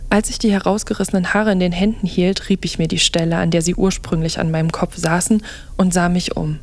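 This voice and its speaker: A young woman narrating a first-person audio story, softly and often dropping into a hushed whisper. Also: fairly low pitch, steady tone, a little fast.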